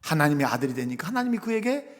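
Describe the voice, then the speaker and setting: Fervent high-voiced male pastor in a reverberant church. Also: very animated, fast talker. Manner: conversational, rising to loud fervent exhortation. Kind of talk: sermon. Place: church sanctuary.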